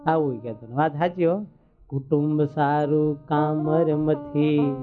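A man giving a humorous, rustic devotional sermon full of folksy stories. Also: a little high. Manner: humorous, chatty, rustic storytelling. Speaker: religious storyteller. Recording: tinny phone-like sound with faint music.

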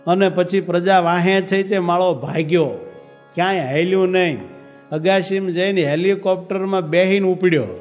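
High-voiced man preaching in a hall. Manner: lively storyteller, acts out dialogue, chants verses. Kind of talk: storytelling sermon. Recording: reverberant hall with faint music.

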